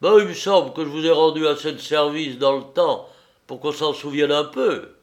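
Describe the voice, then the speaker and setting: A man voicing a rough, jealous sailor who shouts and swears in salty oaths, in a storybook reading. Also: on the high side, normal speed, pitched above the performer's own voice, natural voice. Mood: bitter angry. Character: rough jealous male sailor, menacing and loud.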